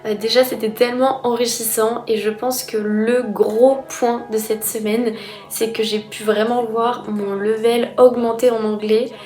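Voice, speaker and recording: A woman's voice: fairly high pitch, level tone, a little slow, mellow, reverberant. A young woman from France, a student vlogger, chatting with enthusiasm in a casual vlog. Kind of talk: casual vlog talk to camera.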